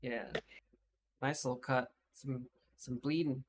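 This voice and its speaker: A man's voice: medium pitch, fairly even intonation, slow pace, a little hiss or hum. A man with a Californian accent running a tabletop game as game master in casual, slangy, easygoing narration. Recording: loud music behind the voice. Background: music.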